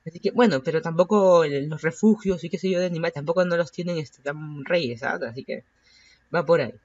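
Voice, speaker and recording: Hosting a casual solo podcast, this Peruvian woman in her thirties rambles in Peruvian-accented Spanish, full of fillers and self-corrections. Her low voice is fairly quick and a little mellow, over dull audio with slight hiss or hum.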